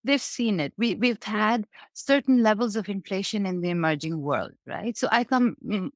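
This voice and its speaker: A woman's voice: medium pitch, normal speed, no echo, clean studio sound. A woman from Bangladesh, a guest analyst explaining the economy in a conversational interview, often checking in with "right?". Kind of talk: interview answers on markets.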